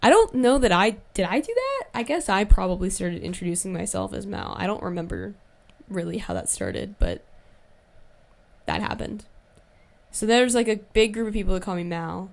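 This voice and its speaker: A young woman hosting a podcast on her own, telling a casual story in a chatty way, full of "like" fillers and quick asides. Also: medium pitch, big pitch swings, creaky, darkish tone. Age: young adult. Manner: chatty, heavy use of "like" fillers, quick asides and self-corrections. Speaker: podcast host. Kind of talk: casual solo storytime chat.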